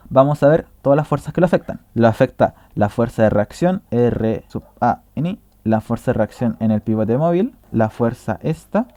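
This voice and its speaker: A man's voice: mid-range voice, mellow, no room sound. A man explaining a tutorial in a casual way, walking through a drawing step by step and correcting himself as he goes.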